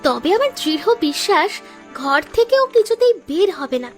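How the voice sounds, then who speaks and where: Soft music plays behind a woman dubbing a cartoon role: a scheming, domineering villager plotting and urging her partner to hurry. Her high voice is very animated, quick, bossy and conniving.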